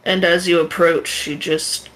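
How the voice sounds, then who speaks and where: A woman narrating a tabletop game as game master, relaxed and hesitant with fillers. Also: on the low side, unhurried.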